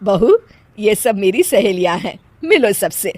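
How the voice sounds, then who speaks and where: A woman's voice: mid-range voice, very animated, measured pace, a little mellow, no echo. A woman voicing a strict middle-aged mother-in-law who scolds a lot. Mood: scolding. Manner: bossy, scolding.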